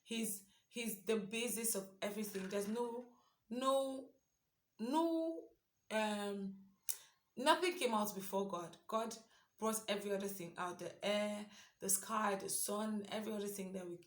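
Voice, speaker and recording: A young woman talks through a devotional reading in a relaxed, earnest way, as if thinking aloud to a friend. Her voice sits at an ordinary middle pitch, and the room gives it a noticeable echo. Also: unhurried. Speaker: devotional speaker. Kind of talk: casual devotional reflection. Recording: roomy echo.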